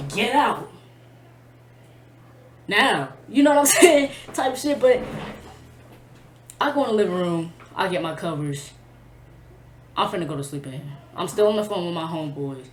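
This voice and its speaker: A woman's voice: mid-range voice, a little hiss or hum. A woman telling a personal storytime to camera in a blunt, profane, emotional way, full of slang. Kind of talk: casual storytime vlog. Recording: echoey room.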